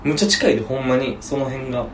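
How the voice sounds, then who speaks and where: A man's voice: medium pitch, quick pace. Kansai man, casual podcast chat, easygoing, distant mic with noise behind. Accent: Kansai Japanese. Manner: relaxed, chatty, laughs easily. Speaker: podcast co-host. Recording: echoey room, mic at a distance, noisy background.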